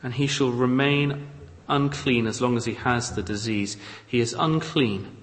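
Male preacher, measured and emphatic, unhurried, recorded in a reverberant hall. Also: medium pitch. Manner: measured, emphatic, dramatic scripture reading. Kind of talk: expository sermon. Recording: long reverb of a large hall.

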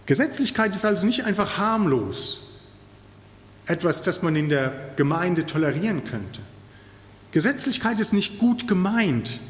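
A man's voice: high voice, big pitch swings, a little slow. Emphatic male preacher in a reverberant hall. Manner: earnest, emphatic preaching with rising and falling stress. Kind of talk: sermon.

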